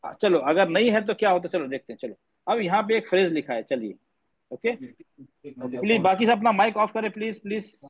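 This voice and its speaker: Male tajweed teacher, high voice, patient and repetitive, dull lo-fi class audio. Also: lively intonation, a little fast, breathy edge. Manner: patient, repeats points, quizzes students; mixes English words into speech. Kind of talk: online class lecture. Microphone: online class audio.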